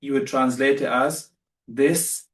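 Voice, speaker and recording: A man's voice: mid-range voice, fairly even intonation, slow pace, reverberant, distant mic. A man teaching beginner Arabic in a live online class, patient and repeating himself as he corrects students.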